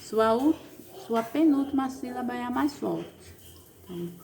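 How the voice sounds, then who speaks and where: A woman's voice: fairly high pitch, lively intonation, normal speed, vocal fry, darkish tone. A woman teacher with a Brazilian accent, patiently explaining a recorded class lesson step by step. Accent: Brazilian Portuguese. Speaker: primary school teacher.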